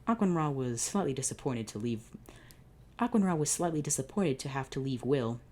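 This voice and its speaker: A channel host reads fan fiction aloud in a low, dark, mellow voice, delivering it as a comedic dramatic reading with dry humor. She keeps a deadpan, slightly fast narration but breaks off for exasperated, sardonic asides, some with swearing.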